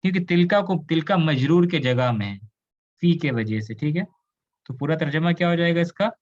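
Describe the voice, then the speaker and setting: A man's voice: fairly high pitch, lively intonation, moderate pace, muffled recording. Indian man teaching Arabic grammar. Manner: explains patiently, mixes in English, asks students questions. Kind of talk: online class lecture.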